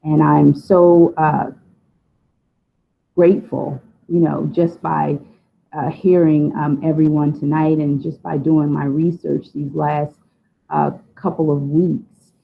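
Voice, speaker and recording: A woman's voice: deep voice, level tone, takes it slowly, vocal fry. A woman guest speaker talking off the cuff about funding over a video call, hesitant and full of fillers. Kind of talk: unscripted presentation. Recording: tinny phone-like audio.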